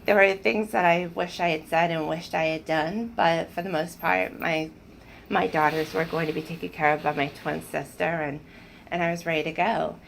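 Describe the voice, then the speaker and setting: A woman's voice: on the low side, fairly even intonation, moderate pace, vocal fry, slight background noise, poor audio. A woman telling personal stories in an earnest, emotional way, often restarting her sentences. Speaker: spiritual speaker sharing personal stories. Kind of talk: casual personal storytelling.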